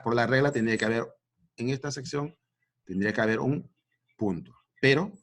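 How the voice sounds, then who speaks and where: A man with a Peruvian Spanish accent, teaching a remote school lesson in a patient, explanatory way, often checking in with "¿no?". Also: mid-range voice. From Peru. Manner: explanatory, repeats "¿no?" and "muy bien". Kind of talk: remote class lecture.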